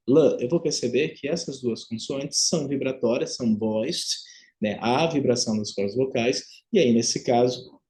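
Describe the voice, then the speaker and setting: Brazilian guy giving an online phonetics lecture, explains calmly, says example words over and over slowly. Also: medium pitch. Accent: Brazilian Portuguese.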